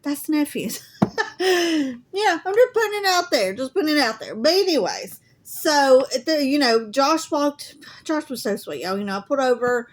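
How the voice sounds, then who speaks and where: Chatty Southern woman, slightly high voice. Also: lively intonation, normal speed. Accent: Southern US (Alabama). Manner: chatty, folksy, says y'all often. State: coughing, asthmatic. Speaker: crafting vlogger. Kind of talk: casual chat to viewers.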